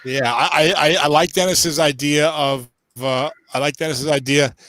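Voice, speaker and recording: Man, fairly high voice, dry close mic, teasing, stammering, casual host. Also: steady tone, moderate pace, a bit bright, dry recording. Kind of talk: casual chat.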